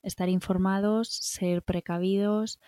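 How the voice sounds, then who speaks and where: A wellbeing guest, a middle-aged woman from Spain with a Spanish accent, talks through self-care advice in an encouraging, reassuring way, regularly tossing in little tag questions. Her medium-pitched voice is warm, flat in delivery, and unhurried, recorded dry.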